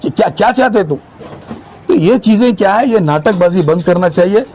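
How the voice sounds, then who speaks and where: A man's voice: sits high, brisk, darkish tone, slight background noise. A man speaking as spokesman for market vendors in a street interview, complaining with emphatic agitation.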